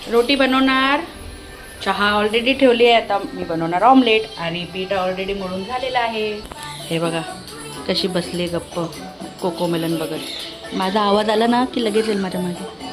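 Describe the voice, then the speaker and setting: A young woman with a Marathi accent chatting casually in a home kitchen vlog, cooing and baby-talking to her toddler as she cooks. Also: mid-range voice. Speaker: vlogger mother. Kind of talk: casual family vlog chat.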